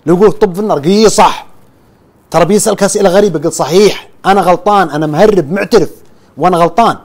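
A man with a Saudi accent tells a true story in the voice of a storyteller. He talks at a rapid clip, and his voice sits a little high for a man. He keeps returning to "he says" as he relays another man's account. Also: darkish tone. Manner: keeps repeating "he says" while retelling a friend's account. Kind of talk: storytelling narration.

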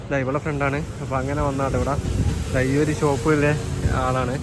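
A man's voice: mid-range voice, level tone, brisk. A man with a Kerala Malayalam accent chattily narrating a casual travel vlog to his viewers on a handheld phone. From Kerala, India. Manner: chatty, addresses viewers informally. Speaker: travel vlogger. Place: on the move outdoors and in buses. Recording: loud traffic and engine noise.

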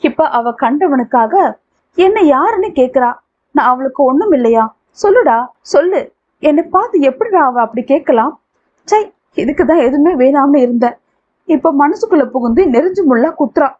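A woman's voice: sits high, lively intonation, moderate pace, darkish tone. A woman reading the part of a possessive, violent young man in love, in a domineering tone. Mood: bitter. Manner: menacing, domineering. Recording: tinny phone-like audio.

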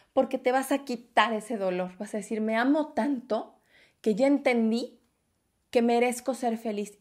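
Passionate woman vlogger. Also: fairly high pitch. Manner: passionate, emphatic, heartfelt. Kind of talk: motivational talk to camera.

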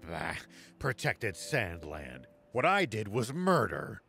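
An actor in his sixties playing a gruff, remorseful old ex-general who talks tersely. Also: on the low side, huge pitch swings, takes it slowly, full character voice. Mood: bitter. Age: 60s. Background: music.

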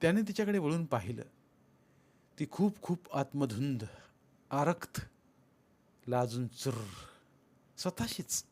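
Male narrator, literary audiobook, measured, lyrical, slow, fairly high voice. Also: animated, darkish tone. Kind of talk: literary story reading.

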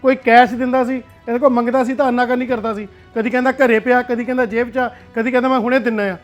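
A man acts out a grown son boiling over at a brother who cheated him. His Punjabi-accented voice sits very high and races along in agitated bursts. Soft music plays behind this family drama. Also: level tone, quick pace. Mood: furious. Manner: heated, agitated complaining. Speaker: actor in a family web drama.

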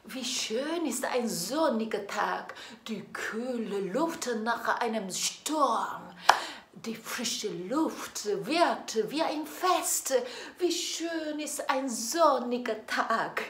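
A high-pitched, Korean-accented classical singer introduces a song through slow storytelling, her delivery lilting as she poses questions straight to the listener. She's filmed in front of a green screen in an echoey indoor studio, with faint music playing.

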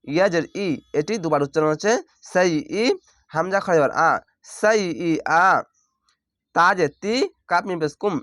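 A man teaching Quran reading, spelling out each syllable and then drawing the word out slowly. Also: high voice, fairly bright tone, no echo. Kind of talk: step-by-step spelling lesson.

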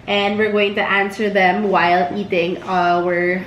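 A woman's voice: mid-range voice, flat delivery, measured pace, fairly bright tone, dull audio. A young woman with a Filipino accent hosting a casual home vlog, chatting and mixing English with Tagalog. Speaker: vlogger host. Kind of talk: casual chat. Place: indoors at home. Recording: echoey room with faint noise.

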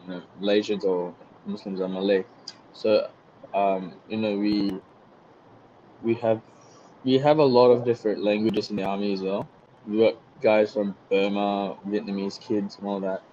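A young adult man from Singapore with an Australian accent chats casually as a guest on a video call, relaxed and rambling with many likes and you-know-what-I-means. His voice is on the low side and his pace normal, and he uses a headset in a small bright room. The video call audio is dull and lo-fi with a little hiss or hum.

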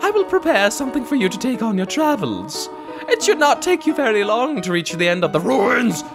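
A man's voice: extremely high pitch, big pitch swings, brisk, creaky, voice pushed up, heavily acted. Man doing a stately motherly goat queen. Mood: kindly. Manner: formal, stately, sentimental. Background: game music.

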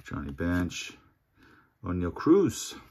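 Sitting at a home table beside his displayed card collection, a man unhurriedly murmurs player names one after another as he opens packs. He speaks slowly in a low voice, offering laid-back commentary, with slight background noise in the recording.

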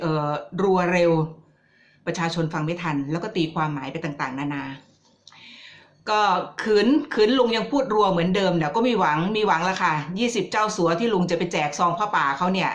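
A woman's voice: on the low side, a little fast. A woman vlogger giving casual political commentary, chatty and teasing as she addresses her viewers directly.

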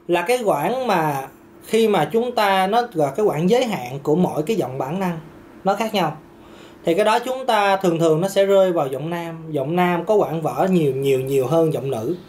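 A man, a singing teacher answering viewer questions in a casual lesson, chatty and repetitive, laughing now and then. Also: high voice. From Vietnam. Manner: chatty, repeats words, laughs often, demonstrates notes.

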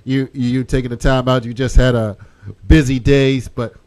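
A man's voice: medium pitch, little pitch movement, moderate pace, darkish tone. A middle-aged man hosting a radio show, talking casually and informally into a studio microphone in a small studio. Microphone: studio mic on boom arm.

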